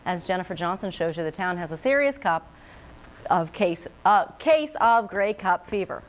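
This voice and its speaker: A woman's voice: fairly low pitch, expressive, normal speed, background noise. A woman with a Canadian accent anchoring TV news in a folksy, chatty, playful way. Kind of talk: scripted TV news narration.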